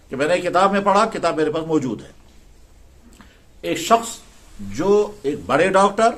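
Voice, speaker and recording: A man's voice: a little high, fairly bright tone. A male Islamic scholar giving a religious talk in style storytelling, acting out quoted dialogue in a conversational way.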